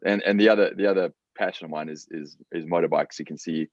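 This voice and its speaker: A man's voice: low voice, steady tone, fast talker, no echo. A man from Africa, a guest chatting casually in an interview from his garage, hesitant with many fillers and repeated words. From South Africa. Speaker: guest entrepreneur. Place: home garage. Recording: dull lo-fi sound.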